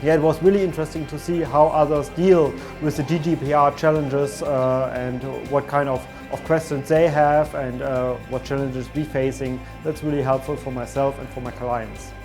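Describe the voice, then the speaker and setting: A man's voice: medium pitch, fairly even intonation, normal speed, few pauses, a little mellow. A man giving a casual interview testimonial as an event attendee. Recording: faint music behind the voice.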